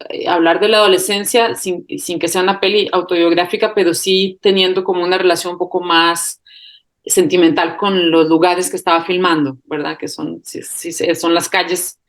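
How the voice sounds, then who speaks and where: Woman, Costa Rican accent, low voice; hesitant, restarts often, soft laughs between thoughts. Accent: Costa Rican Spanish. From Costa Rica. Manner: hesitant, thinks aloud with many fillers and restarts; laughs lightly while talking. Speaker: film director. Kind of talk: interview answers.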